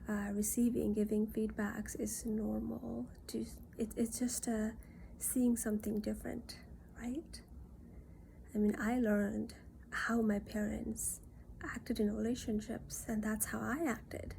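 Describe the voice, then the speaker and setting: A woman from Nepal, talking in an earnest, reassuring monologue that often drops into soft near-whispers. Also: mid-range voice, creaky, slight background noise. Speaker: self-reflection vlogger. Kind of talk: casual reflective monologue.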